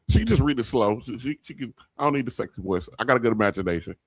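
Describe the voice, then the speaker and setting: A man's voice: mid-range voice, expressive, fairly quick, breathy edge, no room sound, rough recording. A man co-hosting a casual podcast, blunt and slangy, often laughing. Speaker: co-host.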